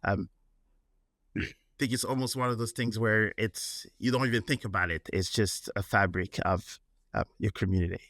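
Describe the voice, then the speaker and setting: A man's voice: fairly low pitch, steady tone, moderate pace, a bit bright, no echo, clean studio sound. A man from France hosting a soccer podcast, asking long rambling questions full of fillers. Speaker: podcast host. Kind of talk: interview hosting.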